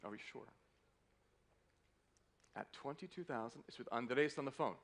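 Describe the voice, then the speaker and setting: A man's voice: medium pitch, normal speed, gravelly, a little hiss or hum. A man working as a fine art auctioneer, calling a live sale with polite, courteous patter that keeps repeating the bids. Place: live auction room in a hotel.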